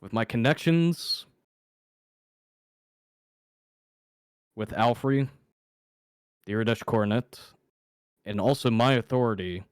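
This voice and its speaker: A man's voice: fairly low pitch, no echo, studio quality. A man voicing a smug, well-connected halfling nobleman who speaks in a nonchalant, lordly drawl.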